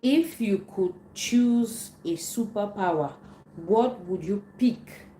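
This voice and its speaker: A woman from Cameroon, hosting a casual live Q&A and answering viewer questions, unhurried and often repeating herself as she searches for words. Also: medium pitch, dark tone. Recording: roomy echo, faint background noise.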